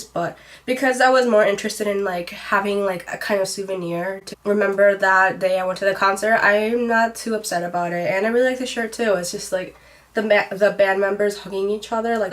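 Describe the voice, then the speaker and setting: A young woman with a stuffy, nasal voice from a cold, chatting casually through a favorites vlog, with plenty of rambling "like"s. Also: medium pitch. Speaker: beauty vlogger.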